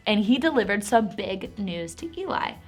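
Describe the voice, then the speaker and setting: An animated, encouraging woman who teaches a Bible lesson to preschool children. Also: mid-range voice, moderate pace, slightly rough, faint music behind.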